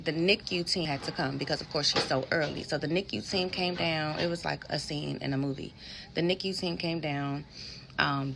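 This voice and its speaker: Young woman vlogging, gravelly lowish voice, swears freely, chatty with y'all. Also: noisy background. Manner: candid, swears freely, addresses viewers as y'all. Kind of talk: casual storytelling to viewers.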